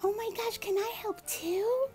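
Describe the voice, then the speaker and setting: A woman voicing an eager young female puppy puppet in an excitable, childlike way for a toddler show. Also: extremely high pitch, measured pace, soft background music, pitched above the performer's own voice.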